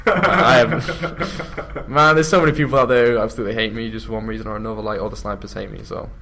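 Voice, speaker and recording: A man's voice: lowish voice, steady tone, fast talker, sharp tone. A young man with an English accent, a gamer chatting casually, rambling and laughing as he talks. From England. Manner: chatty, drifts into mock voices and laughs. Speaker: YouTube gamer. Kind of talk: casual chat.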